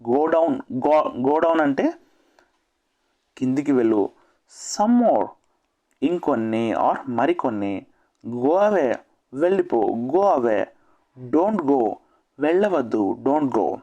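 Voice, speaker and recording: Slow, lively Telugu-accented English teacher. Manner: repeats each English phrase, English phrases said higher and louder. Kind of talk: spoken English lesson, phrase then translation.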